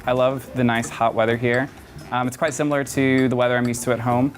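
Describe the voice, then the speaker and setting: A man's voice: mid-range voice, level tone, fairly quick, over music. A young man from Georgia in the United States, a talk show guest speaking openly and chattily, with frequent fillers. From Atlanta, Georgia, United States. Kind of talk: casual talk show interview.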